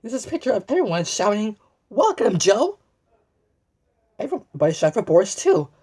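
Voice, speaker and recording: Reading a children's storybook aloud, this woman speaks at medium pitch with big swings and a warm, husky tone. Her animated delivery is full of exclamations and asides to the viewer, and she frequently trips over words and repeats them. She also poses questions to the listener and waits as though they've replied.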